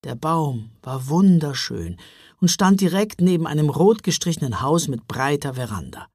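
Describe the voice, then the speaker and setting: A man narrating a children's Christmas audiobook, expressive storyteller. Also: on the high side, normal speed, breathy edge, dry recording, clean studio sound.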